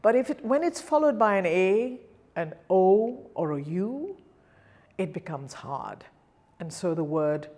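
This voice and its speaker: Slow, careful woman teaching pronunciation. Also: lowish voice, mellow. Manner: slow, careful, demonstrates each sound by repeating words. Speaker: singing diction teacher. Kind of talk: pronunciation lesson.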